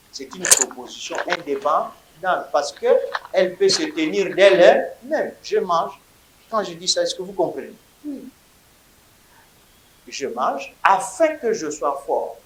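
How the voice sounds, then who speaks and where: Slow, loud-drilling male teacher in an echoey classroom. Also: on the high side, slight background noise. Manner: drills vocabulary in loud call-and-response. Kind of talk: classroom lecture.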